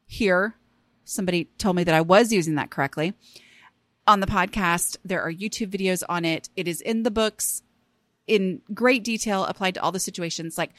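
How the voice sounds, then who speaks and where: A woman's voice: mid-range voice, fairly bright tone, dry recording. A woman hosting a casual solo podcast, talking in a chatty, self-deprecating way with rambling asides. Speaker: podcast host.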